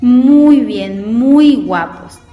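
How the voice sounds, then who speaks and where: Slow patient woman teacher, echoey room. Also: on the high side, animated, dull audio. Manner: patient, spells out syllables and asks the class questions. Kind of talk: reading and spelling lesson for children. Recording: echoey room with long reverb and faint music.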